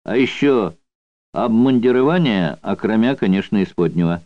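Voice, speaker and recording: A man's voice: on the low side, expressive, moderate pace, no room sound, lightly acted. A male audiobook reader voicing a brash young soldier who talks back in blunt slang. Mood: defiant. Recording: dull dry studio recording.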